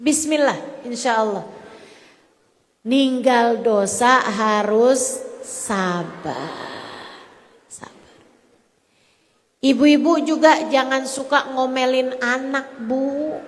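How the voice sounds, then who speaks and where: A woman's voice: sits high, drawn-out words, pauses often. A woman preacher giving a sermon, speaking straight to her listeners in a lilting, sing-song cadence. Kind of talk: sermon to a women's audience. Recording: long hall reverb.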